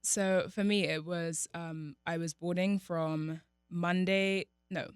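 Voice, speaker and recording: A young woman from Nigeria, chatting as a podcast guest in a relaxed way with lots of fillers. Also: fairly low pitch, slow pace, clear, resonant tone, no echo, clean studio sound. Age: young adult. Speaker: podcast guest, college athlete. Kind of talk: casual interview chat.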